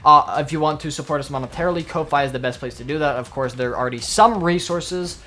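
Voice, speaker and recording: A young man hosting his own channel, wrapping up a video in a casual, rambling way and pushing through it quickly. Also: fairly high pitch, sharp tone. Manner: rambling and quick, admits he talks like an auctioneer. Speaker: channel host. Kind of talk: casual outro to the camera.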